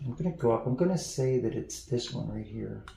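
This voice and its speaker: Animated and brisk, a man with a creaky mid-range voice narrates casually as he repairs electronics at home, mumbling and thinking out loud at the bench. It's recorded in an echoey room over loud background noise.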